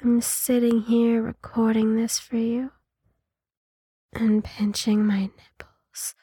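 A woman in an intimate adult ASMR role-play, speaking in a sultry, teasing, breathy way like a seductive narrator. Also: fairly high pitch, level tone, takes it slowly, dark tone, no echo, clean studio sound. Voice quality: husky, breathy.

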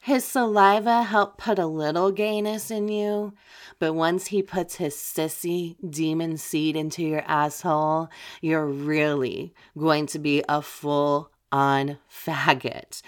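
A woman voicing a domineering female demon in an audio roleplay, talking slowly in a mocking tone with frequent soft laughs. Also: fairly low pitch.

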